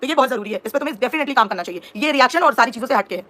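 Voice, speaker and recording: On a livestream, a woman in her thirties who works as a reaction vlogger speaks to viewers in a high, expressive, sharp voice at a racing pace. She indignantly explains herself and responds to comments from her audience.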